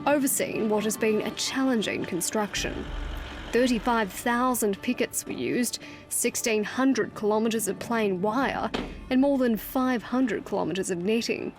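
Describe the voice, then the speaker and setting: A woman's voice: fairly high pitch, measured pace. An Australian woman narrating a scripted television news feature as a reporter. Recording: music under the voice. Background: music.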